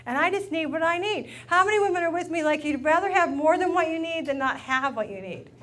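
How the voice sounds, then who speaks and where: A woman's voice: very high voice, animated, fairly quick, a bit bright, a little hiss or hum. A woman giving a playful relationship talk to a live audience, often asking the room questions. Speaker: relationship speaker.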